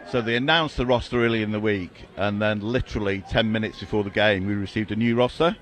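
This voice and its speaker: A man's voice: on the low side, fairly even intonation, quick pace, fairly bright tone. An English man giving live color commentary on a match, chatty with dry, self-mocking humor. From England.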